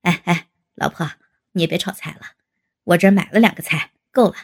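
Woman putting on a brash young man, gravelly and husky, teasing, loud fast bursts, storybook reading. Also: on the low side, pitched below the performer's own voice. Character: brash joking young man, crude teaser. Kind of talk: storybook character voice.

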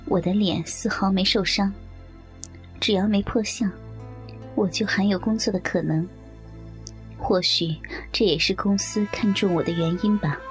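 A woman reading a first-person story aloud in a soft, half-whispered delivery. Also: medium pitch.

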